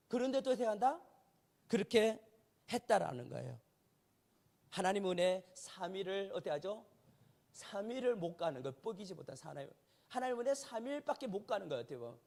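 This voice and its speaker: High-voiced Korean pastor preaching. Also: male voice, darkish tone. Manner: conversational preaching with rhetorical questions. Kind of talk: sermon. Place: church sanctuary.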